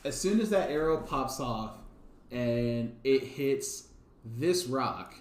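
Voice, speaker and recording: Echoey man running a tabletop game. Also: medium pitch. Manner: relaxed, halting narration with fillers. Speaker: dungeon master.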